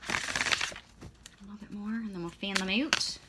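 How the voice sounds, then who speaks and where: A tarot and oracle card reader with a mid-range voice gives a casual spoken reading at a measured pace and fairly even intonation, over heavy background noise. Her chatty, meandering talk is full of ums, restarts and self-corrections. She's losing her voice, which sounds strained and fading, and she clears her throat.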